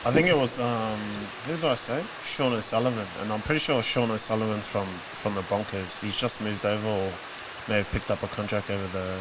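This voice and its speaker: Lower-pitched halting man, hissy audio. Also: fairly even intonation. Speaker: sports show panelist. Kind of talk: casual sports discussion. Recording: clearly hissy, noisy stream audio.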